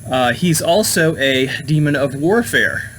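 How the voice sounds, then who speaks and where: A man's voice: fairly high pitch, lively intonation, a little slow, a bit bright, low-quality recording. Rambling man hosting occult talk, faint hum. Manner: meandering, many fillers and restarts. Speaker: host. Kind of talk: casual talk on occult topics.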